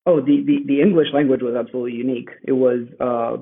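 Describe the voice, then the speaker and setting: This man, an Italian-first-language guest author, talks thoughtfully from his Rome home over a tinny, phone-like remote call, with frequent fillers and restarts in a conversational interview. He talks fast at medium pitch, with fairly even intonation and vocal fry.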